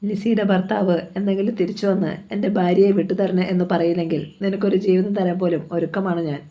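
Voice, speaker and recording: A woman reading the lines of a scheming male killer who coaxes a woman with low, persuasive talk. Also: little pitch movement, quick pace, warm tone, close to an everyday voice. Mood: coaxing. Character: scheming smooth-talking male killer seducer.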